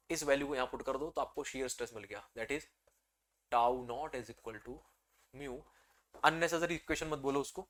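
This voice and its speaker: Speaking at a medium pitch, a male instructor teaches engineering for an upcoming exam. He calls the students "beta," answers the questions he raises himself, and swings energetically into loud excitement.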